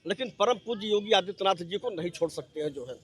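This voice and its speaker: A man's voice: high voice, expressive, quick pace, husky. A man from the public speaking fervently in a street interview, tacking a habitual filler onto his sentences. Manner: fervent, leans on the filler "jo hai" constantly. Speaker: member of the public giving his view.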